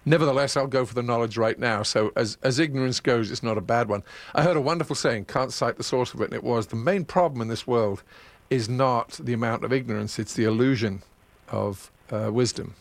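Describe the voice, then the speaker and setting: A man's voice: medium pitch, fairly quick, no room sound. A man hosting a casual radio chat, talking in a chatty, digressive way and laughing at his own asides. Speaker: radio host.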